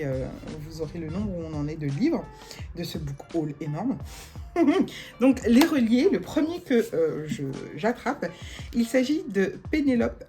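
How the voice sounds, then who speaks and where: Young woman rambling about her book haul, slow and giggly, soft music behind. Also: mid-range voice. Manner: chatty, many fillers, giggles often. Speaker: book vlogger. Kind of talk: casual book haul chat.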